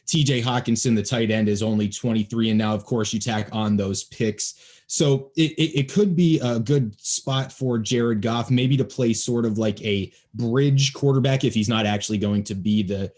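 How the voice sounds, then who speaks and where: A young man hosts a laid-back football podcast from his home. He talks in an easy, joking way, and his voice sits at an everyday middle pitch. He speaks into a podcast microphone. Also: normal speed, darkish tone. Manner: friendly, chatty and joking. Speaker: podcast host. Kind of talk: casual sports podcast chat. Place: home, near Baltimore.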